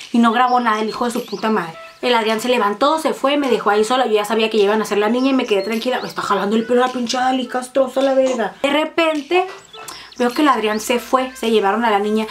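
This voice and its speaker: A woman with a Mexican accent telling a personal story in fast, profane, dramatic casual chat. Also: fairly high pitch. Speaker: vlogger.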